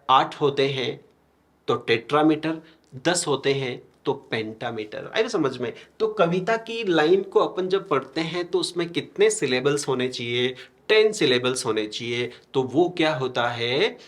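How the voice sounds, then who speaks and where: Slow, questioning male teacher with Indian English. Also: a little high. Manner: explains step by step with frequent questions to students; writes on a board while talking. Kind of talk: classroom lecture.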